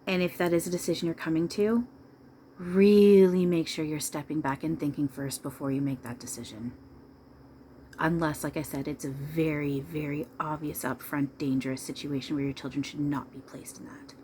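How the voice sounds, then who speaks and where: A woman with a low voice speaks as a seance medium in trance, delivering channeled advice. She is emphatic and insistent, often repeating herself as she counsels her listeners. There is some noise behind her. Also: fairly even intonation, normal speed, dark tone. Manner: emphatic, repetitive, preachy counsel addressed to listeners.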